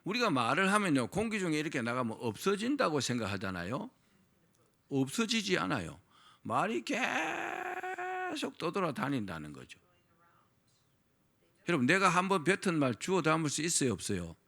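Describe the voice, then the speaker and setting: A man's voice: a little high, big pitch swings, fast, fairly bright tone. A man preaching a sermon as pastor, asking the congregation questions and having them repeat phrases after him.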